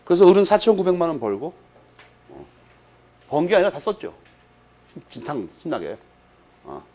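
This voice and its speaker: A male law lecturer spins a story for his class and plays out every exchange. His pitch swings wildly from high to low, and his voice sits a bit above the usual male range. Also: normal speed. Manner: animated storytelling, acts out dialogue, frequent "eh?" tags.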